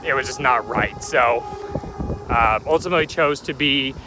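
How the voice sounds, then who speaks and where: A young man tells his life story in a rambling, chatty vlog recorded outdoors near a railway, making joking asides at passing trains. His voice is medium-pitched at a normal speed, and the background is noisy.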